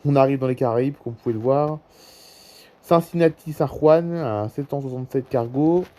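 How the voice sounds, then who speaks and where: A man talking casually as he reads flights off a live map, pausing on fillers and saying lines twice. His voice is warm and mellow at an ordinary middle pitch. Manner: reads out flights with hesitant fillers and repeats himself. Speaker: YouTuber. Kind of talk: casual screen-recording commentary.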